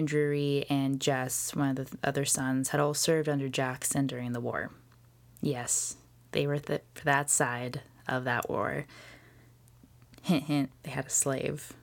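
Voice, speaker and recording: A woman hosting a podcast, telling a history story in a casual, jokey way with swearing and quick whispered asides. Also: deep voice, darkish tone. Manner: chatty with frequent fillers and whispered asides. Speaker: podcast host.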